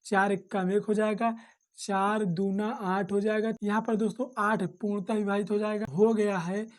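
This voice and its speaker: A woman's voice: mid-range voice, flat delivery, moderate pace, darkish tone. A woman teaching a step-by-step maths lesson, talking it through patiently and often calling her viewers friends. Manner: repetitive, calls listeners "friends" often.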